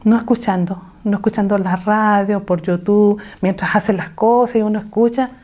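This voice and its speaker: Woman teaching a warm Bible lesson. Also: medium pitch, steady tone, normal speed. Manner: exhortative, asks the listeners rhetorical questions. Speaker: women's Bible study teacher. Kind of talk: online women's Bible lesson. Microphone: video call.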